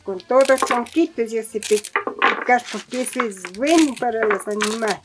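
A woman's voice: on the high side, moderate pace. A middle-aged woman with an Andean Spanish accent, talking casually to camera through a cooking demonstration in a homely way, full of fond diminutives. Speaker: vlogger demonstrating farm cooking. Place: small indoor rustic kitchen with wood fire. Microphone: handheld camera or phone nearby. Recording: clearly noisy, clicking kitchen sounds.

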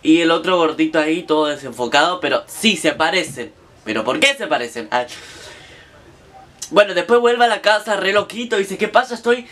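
A man's voice: fairly high pitch, expressive, normal speed, fairly bright tone. A young man with an Argentine accent, casually recounting a story to his viewers in a chatty, slangy way. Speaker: vlogger.

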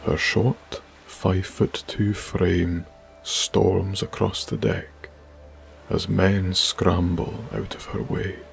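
A male narrator reads a bedtime story in a hushed, breathy way. His voice is very low and deeply gravelly with heavy fry. He takes his time over every phrase. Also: flat delivery, slow pace, a little hiss or hum. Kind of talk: slow sleep story narration.

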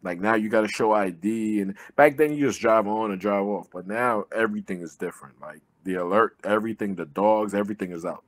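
A man's voice: on the low side, brisk, hardly any pauses, dry recording. A man talks in a loose, casual way, full of "you know" and swearing. His voice is dry and close, picked up by a webcam and earbuds in a living room during a video call. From born in Jamaica, raised in Brooklyn. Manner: loose, conversational, swears freely, many fillers. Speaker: guest, army veteran and pro boxer.

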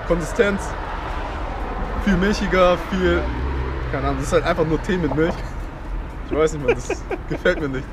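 A man's voice: fairly high pitch, normal speed, pauses often, noisy background. A young man vlogging casually, chatty and slangy, filming himself with a camera held at arm's length on a city street at night. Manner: chatty, laughs often, slangy. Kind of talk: casual vlog chat. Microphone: action camera held at arm's length.

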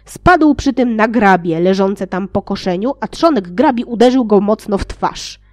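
A woman reading a fairy tale aloud, playful, with sarcastic asides and loudly acted quotes. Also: lively intonation, normal speed. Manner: reads with sarcastic asides and laughs; acts out shouted quotes with raised pitch. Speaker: audiobook reader.

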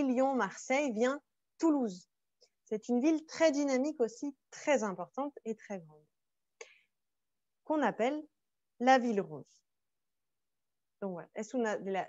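French teacher, high voice, dull dry sound. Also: female voice, darkish tone, no echo. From France. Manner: explains each French phrase again in Spanish. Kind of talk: bilingual online lesson, French with Spanish explanations.

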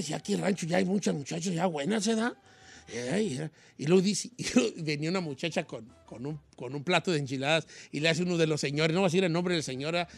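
A man's voice: sits high, gravelly, fairly bright tone, no echo. A man voicing a bawdy old rancher who hosts a comedy radio show, teasing and telling stories. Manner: teasing, storytelling with acted quotes. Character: cranky old male Mexican rancher, bawdy. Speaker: radio host.

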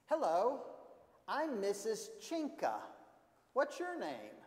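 Storybook role: man putting on a high, bubbly lady alligator librarian who loves books, big church echo. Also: wildly swooping pitch, slow pace, exaggerated voice. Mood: welcoming. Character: friendly female alligator librarian, eager and warm. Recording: echoey church hall.

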